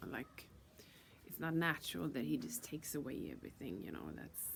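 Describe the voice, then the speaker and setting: A woman telling her own story in a casual, halting way, with lots of fillers, restarts and swearing, and repeating words for emphasis. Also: very deep voice, sing-song, creaky, slight background noise.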